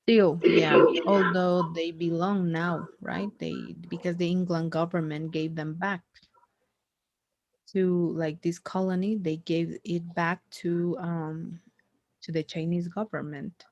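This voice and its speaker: During a one-on-one conversation lesson, a female tutor talks informally, restarting often and using many fillers. Her lowish, slightly mellow voice is flat and takes its time, recorded with no echo and a dull sound.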